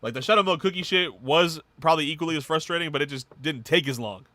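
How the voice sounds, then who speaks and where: A man co-hosting a podcast, rattling off game news in casual, swearing slang with excitement. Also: a little high, fast, dry recording. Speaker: podcast co-host. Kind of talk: casual chat.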